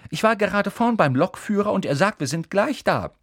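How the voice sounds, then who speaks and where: Man voicing a bossy know-it-all girl, way up high, scolds and sniffs, dry mic. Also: lively intonation, normal speed, fairly bright tone, no room sound, exaggerated voice. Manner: haughty, scolding.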